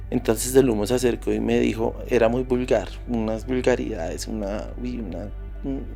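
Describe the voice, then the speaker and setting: A man's voice: mid-range voice, creaky, dark tone. A Colombian man, a podcast guest, tells a personal story in a vivid, intense way with frequent restarts. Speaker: interview guest.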